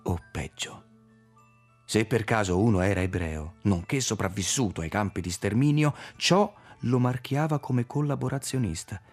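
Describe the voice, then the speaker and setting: A man narrating a literary audiobook in a measured, expressive reading. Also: on the low side, soft background music. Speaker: audiobook reader.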